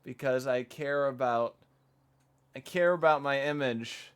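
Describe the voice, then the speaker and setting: A man's voice: mid-range voice, measured pace, clean tone. A young man streaming as a vtuber, chatting casually while gaming, rambling with self-deprecating asides.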